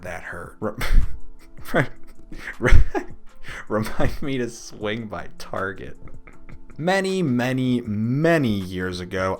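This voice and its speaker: Amused man reading Reddit stories. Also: sits low. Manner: amused, often breaks into laughter. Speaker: Reddit story narrator. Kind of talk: reading anonymous stories with joking asides.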